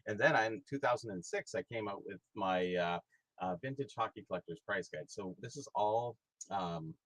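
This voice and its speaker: The guest, a middle-aged hobby historian and price guide author, talks casually and meanders, full of fillers and restarts. He speaks at normal speed in a fairly low, fairly bright voice. The recording is rough but has no echo.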